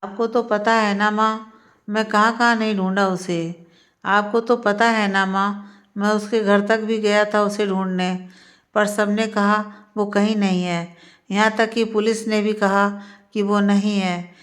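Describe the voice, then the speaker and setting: A woman's voice: mid-range voice, level tone, a little slow, natural voice. A woman voicing a desperate young man in a spoken Hindi storybook, pleading with repeated questions. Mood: disbelieving.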